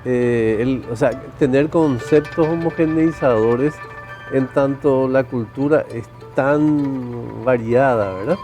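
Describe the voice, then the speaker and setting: A man hosting an interview, building his questions slowly and thinking aloud. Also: mid-range voice, dark tone, faint music behind. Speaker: interview host.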